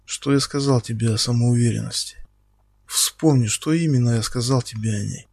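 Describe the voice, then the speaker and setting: A man voicing a menacing male captor who speaks slowly and quietly, taunting his victim. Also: mid-range voice, creaky, slightly rough, dry recording, studio quality. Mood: quiet menace. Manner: slow, quiet, taunting, bursts into shouting.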